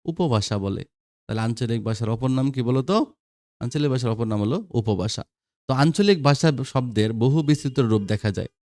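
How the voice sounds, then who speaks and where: Bangladeshi male teacher, mid-pitched, drills students with questions, dry close mic. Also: expressive, a little fast, darkish tone, dry recording. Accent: Bangladeshi Bengali. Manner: quizzing students, repeating answers. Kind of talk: lecture for school students.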